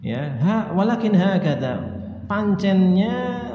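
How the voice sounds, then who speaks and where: A man's voice: high-pitched, very animated, slow. A male preacher, giving a religious lecture. He recites Arabic texts, explains them, and asks the audience questions he answers himself. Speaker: Islamic preacher. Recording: echoey hall, dull sound.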